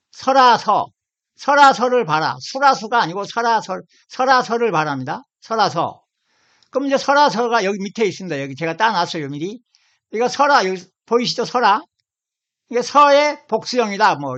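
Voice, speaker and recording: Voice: mid-range voice, fairly bright tone. A channel host explaining word by word while pointing at a screen and repeating key words again and again. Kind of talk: casual explanatory talk over an on-screen dictionary. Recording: slightly dull lo-fi sound.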